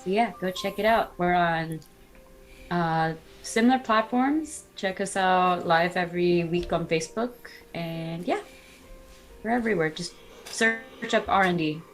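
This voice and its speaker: A woman's voice: fairly low pitch, unhurried, soft background music. A woman chatting as a podcast guest in an upbeat way, laughing easily, over a video call. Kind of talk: casual podcast chat.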